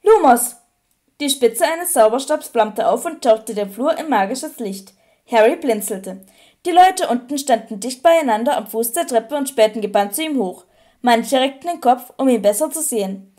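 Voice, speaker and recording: High, mellow woman reading a story. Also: expressive, moderate pace. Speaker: audiobook reader. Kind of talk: audiobook narration.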